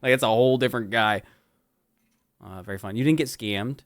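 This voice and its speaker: A man's voice: medium pitch, fairly quick. A man hosting a live stream, chatty and joking, swearing casually as he moves between stories. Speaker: stream host.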